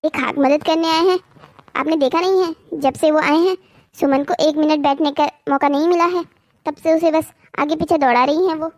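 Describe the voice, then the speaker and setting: A voice actor playing an indignant, argumentative young man in a cartoon story, protective of his sister and quick to anger. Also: very high voice, fairly even intonation. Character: hot-headed protective young brother.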